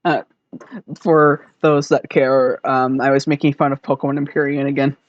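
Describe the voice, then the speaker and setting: A man chatting on a casual podcast over voice chat, rambling through explanations with plenty of "um" and "like". His audio is dull and muffled, with a dry, close sound and no room echo. He sits at a middle pitch for a man. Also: little pitch movement, normal speed. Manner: explains at length, with filler words. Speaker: podcast co-host. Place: home, on voice chat. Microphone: desk mic over voice chat.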